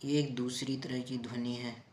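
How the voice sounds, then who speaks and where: A man's voice: mid-range voice, level tone, normal speed, a little mellow, a little hiss or hum. A male teacher giving a grammar lesson, patiently repeating key terms and asking his students rhetorical questions. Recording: roomy echo.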